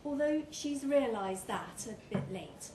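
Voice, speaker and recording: At a live reading event in a pub, a woman with a fairly high voice narrates a short story in an animated way, unhurried and with measured dramatic pauses. The room echoes, and there's some noise behind her.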